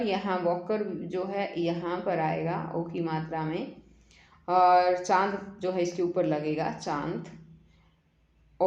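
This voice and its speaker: A woman's voice: on the low side, darkish tone. A woman teaching a children's workbook lesson, patiently explaining step by step and asking the class questions. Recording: echoey room, dull lo-fi sound.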